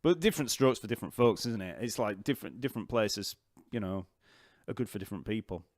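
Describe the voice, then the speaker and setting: A man with a Yorkshire accent hosting a casual live-stream Q&A, chatty and rambling and quick to laugh. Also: on the low side, animated, dry recording, clean studio sound. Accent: Yorkshire English. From Yorkshire, England. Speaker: bass teacher and channel host. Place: home, near an island festival site.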